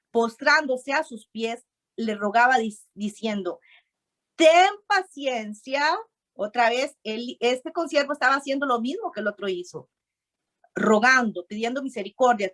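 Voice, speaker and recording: A woman's voice: on the high side, fairly bright tone. A woman preaching a sermon, reading scripture aloud and stopping often to urge her listeners to repeat and underline the verses.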